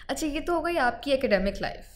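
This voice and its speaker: A woman's voice: high voice, lively intonation, brisk. A woman hosting a podcast interview, asking questions and listening closely. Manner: attentive, gives short listening sounds. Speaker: podcast host.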